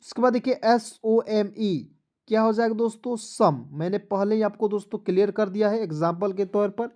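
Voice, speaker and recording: A high-pitched man with a dark tone gives a spelling-focused English lesson online. He spells each word letter by letter, asks how it's read, answers himself, and makes sure viewers are following, repeating every word slowly.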